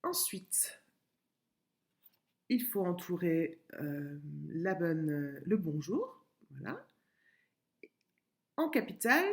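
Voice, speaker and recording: A woman schoolteacher giving a recorded lesson to young pupils, patient and clear, repeating words and sounding out syllables. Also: lowish voice, a little mellow. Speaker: primary school teacher. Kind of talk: remote classroom lesson video.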